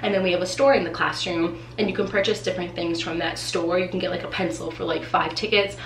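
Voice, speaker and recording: A chatty, excitable woman from New England, a teacher and vlogger, talks fast in a lowish, nasal, congested voice during a casual unboxing video. She uses "like" as filler constantly. She's seated facing the camera in a small indoor room, and the recording is echoey with a faint hiss.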